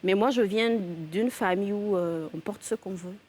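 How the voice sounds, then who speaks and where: A woman from Niger in her thirties with a Nigerien French accent, chatting as a guest on a talk show and telling her story in a relaxed way. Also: medium pitch, moderate pace, slight background noise. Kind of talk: casual talk-show chat.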